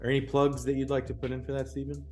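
A man's voice: medium pitch, completely flat delivery, very fast, darkish tone, soft background music. A man hosting, talking casually with frequent fillers and "right?" asides. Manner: chatty with frequent ums and rhetorical "right?". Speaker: host and program alumnus. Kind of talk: casual talk.

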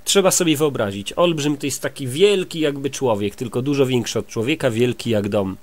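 A man reading a children's story aloud to a child, stopping gently to explain words. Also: medium pitch, fairly quick. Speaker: reader to a child.

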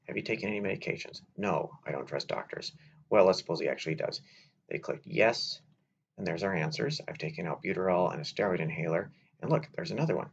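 A man walking through a software tutorial step by step, in a relaxed way with filler words, over a slightly dull recording with faint noise. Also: low voice, creaky. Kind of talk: screen-recorded software walkthrough.

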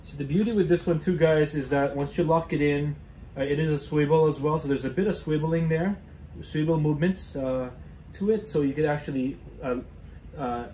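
A man's voice: on the high side, fairly quick, warm tone, roomy sound, slight background noise. A young man hosting a casual how-to demonstration, talking hesitantly with many fillers and restarts while he works with his hands in a cluttered garage. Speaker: DIY car channel host.

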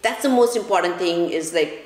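Casting: middle-aged woman, South Indian accent, fast conversational doctor explaining and mimicking others, in a reverberant room. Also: lowish voice. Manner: animated, acts out parents' and children's remarks. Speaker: pediatrician guest. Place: large indoor living room by a fireplace.

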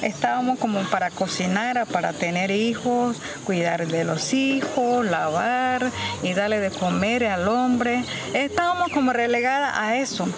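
A woman's voice: a little high, expressive. Older woman leader, noisy field recording. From Panama. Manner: deliberate, halting, searches for words. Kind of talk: interview testimony.

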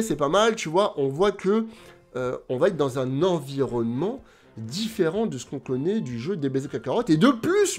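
A man's voice: fairly high pitch, a little mellow, husky. A man hosting his own video channel, chatting casually and animatedly straight to his viewers. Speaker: YouTube host.

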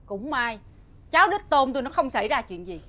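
A woman's voice: high voice, big pitch swings, brisk, highs cut off. An actress playing a stern, commanding mother-in-law who runs a wealthy household, faint music behind. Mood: scolding. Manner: stern, scolding. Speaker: household mistress.

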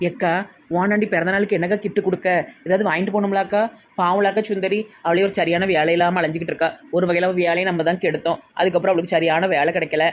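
Fast-talking Tirunelveli woman. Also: on the low side, steady tone. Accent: Tirunelveli Tamil. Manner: fast gossipy chatter. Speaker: comedy sketch actor.

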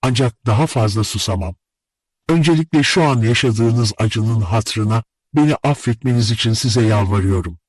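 A man's voice: medium pitch, moderate pace, slightly rough, no room sound, lightly acted. A man voicing a lonely, lovesick young man in an audiobook, speaking earnestly and imploringly. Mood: confessing. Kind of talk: audiobook character reading.

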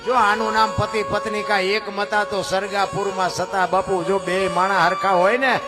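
A man's voice: sits high, flat delivery, normal speed. A man giving a devotional sermon, telling a saint's story in a folksy way and voicing its characters. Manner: folksy, addresses listeners as bapu, voices characters in stories. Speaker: spiritual storyteller. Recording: music playing behind.

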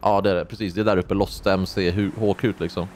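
A man in his twenties giving casual, excitable gameplay commentary as host of a gaming channel, joking and rambling as he plays. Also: low-pitched, slight background noise.

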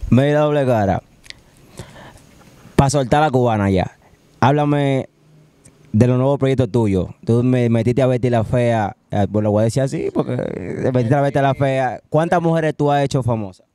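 A man's voice: mid-range voice, normal speed, mellow, dry recording. Man prodding a guest with questions. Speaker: interview host. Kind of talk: casual interview.

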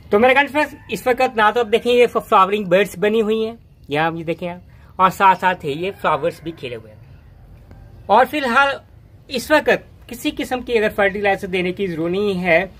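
A man's voice: high voice, fairly bright tone. A man hosting a gardening channel, walking through his rooftop garden outdoors and talking casually into a handheld phone, rambling and often restarting his words.

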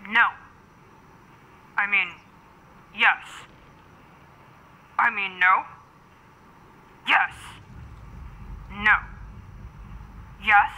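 Bright-voiced flustered girl soldier voiced by a woman, keeps tripping over her words, fan machinima. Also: medium pitch, fairly even intonation, extremely slow, pauses often, exaggerated voice, poor audio. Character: young female soldier posing as a man. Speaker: new squad private. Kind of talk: amateur machinima voice acting.

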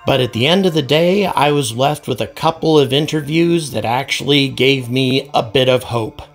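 A man from the United States talks through his commentary with an earnest, explanatory drive. His voice has a gravelly edge, with a soft bed of music behind it. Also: medium pitch, moderate pace. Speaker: host and street interviewer. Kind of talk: street interviews with voice-over commentary. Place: city street outdoors. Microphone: handheld mic.

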